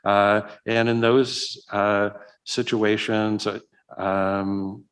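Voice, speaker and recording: A man with a very deep voice gives a keynote talk at a conference and then answers audience questions. He pauses often, with plenty of "uh" and "you know" between his points. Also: flat delivery, clear, resonant tone. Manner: hesitant, many fillers and restarts. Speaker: keynote speaker. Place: conference hall.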